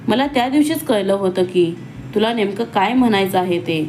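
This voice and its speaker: A woman's voice: mid-range voice, lively intonation, normal speed, noisy background, natural voice. A woman voicing a stern young man who speaks in a curt, clipped and irritable way.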